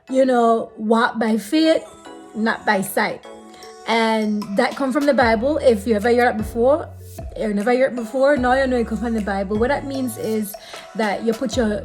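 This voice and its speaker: Fairly high-pitched and a little mellow, this late-30s woman speaks with a Belizean Creole accent. As a vlogger sharing faith advice, she talks to the camera casually and earnestly, encouraging viewers spiritually and repeating phrases to drive her point home.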